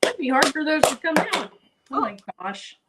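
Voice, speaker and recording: A fairly high-voiced woman heard over a video call through her computer microphone. She chats casually and thinks aloud about her craft project as she works. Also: lively intonation, moderate pace, background noise. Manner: chatty, thinks aloud while working. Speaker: guest crafter.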